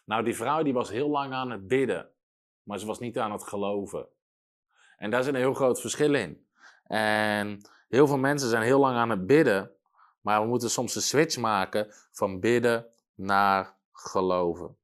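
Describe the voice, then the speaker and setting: A man preaching a sermon with emphatic delivery, slowing down to read scripture and rising to loud exclamations. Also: on the low side. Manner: reads scripture slowly and deliberately.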